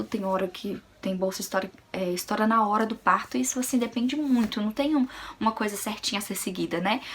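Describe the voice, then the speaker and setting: A young woman from Brazil, a vlogger, telling a personal story in a casual, animated way and acting out the voices of others. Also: mid-range voice, slight background noise. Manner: animated, acts out quoted voices.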